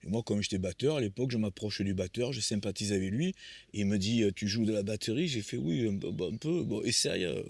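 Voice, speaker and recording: Man in his sixties, lowish voice, dry close sound, rambling anecdotes, interview guest. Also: fairly quick, vocal fry, slightly rough, no room sound. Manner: rambling anecdotal telling with many restarts. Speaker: musician guest. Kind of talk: conversational storytelling interview.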